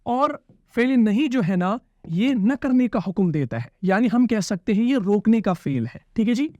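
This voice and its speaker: High-voiced male Arabic grammar teacher. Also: expressive, moderate pace, darkish tone, dry recording, dull audio. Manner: explains patiently, repeats key terms, checks understanding with questions. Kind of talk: classroom-style grammar lesson.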